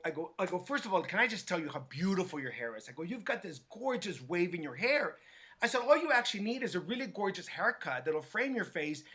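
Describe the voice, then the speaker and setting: A man, a hairstylist guest, telling a story in an animated way and acting out what others said. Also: high-pitched. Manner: acts out quotes with lively voices, many restarts.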